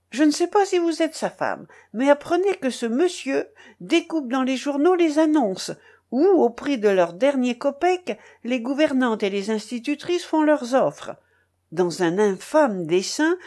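A woman reading an audiobook and voicing a furious young tutor who shouts in shrill, rising outbursts. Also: breathy edge, heavily acted. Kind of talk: audiobook character voice.

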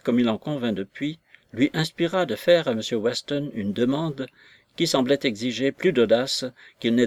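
A man reading a classic novel aloud as narrator, in a measured, literary manner. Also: mid-range voice, darkish tone.

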